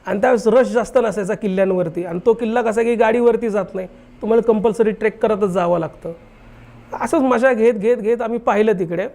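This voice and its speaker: High-voiced man telling a spooky story. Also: a little fast. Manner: animated, acts out dialogue in his retelling. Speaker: guest telling a true ghost story. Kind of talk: casual storytelling in a podcast chat.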